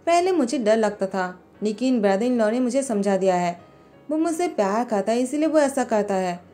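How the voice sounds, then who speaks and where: Woman voicing a naive little husband, sweet and pleading, mellow tone, for a storybook over music. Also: fairly high pitch, lively intonation, normal speed, lightly acted. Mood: innocent. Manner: innocent, pleading. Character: naive, childlike young husband, sweet and fearless.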